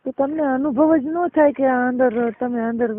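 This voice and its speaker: A woman with a high voice and a Gujarati accent talks at normal speed in a casual, colloquial private phone call, explaining things and often checking that the listener follows. The recording is muffled and narrowband.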